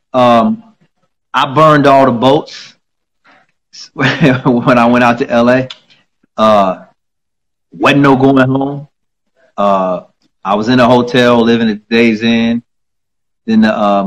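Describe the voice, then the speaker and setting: A man hosting a casual interview chat on a video call, talking in a reflective way with drawn-out phrases and many fillers. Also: medium pitch, poor audio. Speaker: host.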